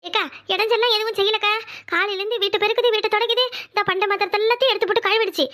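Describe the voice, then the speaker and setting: High-voiced performer as a chatty gossiping helper. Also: fairly even intonation, bright, forceful tone. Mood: tattling. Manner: quick, tattling, calling everyone akka. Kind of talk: Tamil family drama voiceover.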